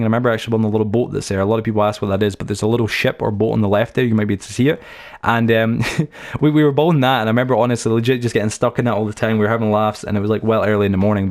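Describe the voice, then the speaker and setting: A young man talks quickly through a let's-play tour of his game world. His voice sits low, and he rambles from story to story with plenty of fillers and restarts. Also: a little mellow. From United Kingdom. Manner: chatty, anecdotal, many fillers and restarts. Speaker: gaming channel host.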